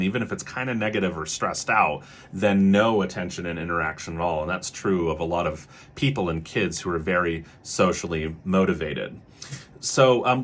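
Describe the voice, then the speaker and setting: Low, husky male clinician explaining. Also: fairly bright tone. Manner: hedging, many "kind of" fillers, briefly acts out parents' lines. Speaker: child behavior clinician. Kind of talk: educational explainer video.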